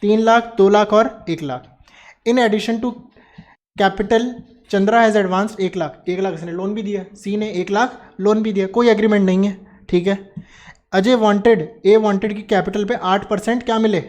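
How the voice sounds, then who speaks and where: A man's voice: high voice, fairly even intonation, moderate pace, darkish tone. A man teaching accounts in a classroom lecture. He mixes Hindi with English terms and asks questions that he answers himself. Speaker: commerce teacher.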